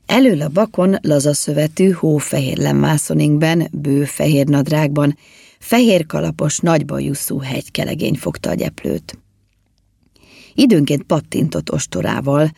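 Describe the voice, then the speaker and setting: Brief: storybook narrator, woman, husky and animated, close and dry. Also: low voice, no room sound. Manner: lively and expressive. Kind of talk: storybook reading.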